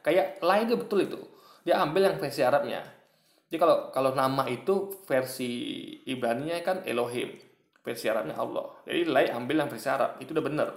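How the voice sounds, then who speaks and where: A man's voice: a little high, vocal fry, reverberant. A man giving casual commentary on a video, explaining at length and repeating himself as he talks to his viewers.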